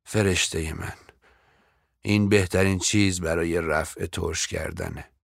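A man's voice: low voice, steady tone, gravelly, no room sound, studio quality. A man voicing a melodramatic, self-pitying older woman who is a famous actress, stretching out her sighing lines theatrically. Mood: melodramatic sorrow.

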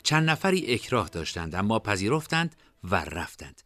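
Expressive male audiobook narrator. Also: on the low side, faint music behind. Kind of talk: audiobook narration of a fantasy story.

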